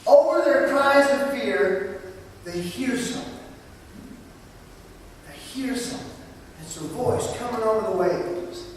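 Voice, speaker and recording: A man preaching a sermon in a church, telling stories with lively, dramatic delivery. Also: extremely high pitch, a little slow, long pauses, a little hiss or hum. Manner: animated storytelling preacher, acts out voices. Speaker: pastor. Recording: distant mic in a reverberant church.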